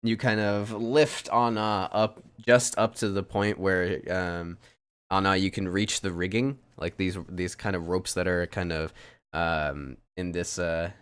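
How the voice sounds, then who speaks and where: Deep, smooth-voiced male dungeon master. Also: flat delivery, a little slow. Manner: loose narration full of ums and restarts. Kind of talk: narrating a tabletop game.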